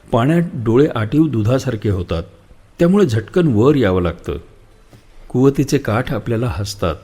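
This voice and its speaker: A man reading a literary story aloud in a measured, reflective storytelling manner. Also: medium pitch, warm tone. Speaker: narrator, audiobook reader. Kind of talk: literary audiobook narration.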